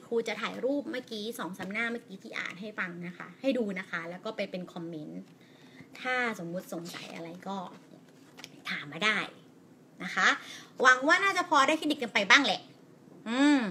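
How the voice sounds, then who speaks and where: Bright, encouraging Thai woman teacher. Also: fairly high pitch, slight background noise. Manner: slow, deliberate reading aloud with pauses at punctuation; encouraging, chatty, answers viewer comments. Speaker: English teacher. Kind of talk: live-streamed language lesson.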